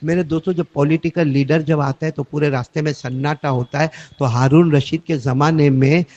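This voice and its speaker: A man with a slight lilt preaching a storytelling sermon, quizzing listeners and swinging quiet talk to shouted lines. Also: fairly high pitch, fairly even intonation, dull audio. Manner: dramatic, swings from soft to shouting, quizzes the audience. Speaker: religious preacher. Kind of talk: Urdu sermon storytelling to a congregation.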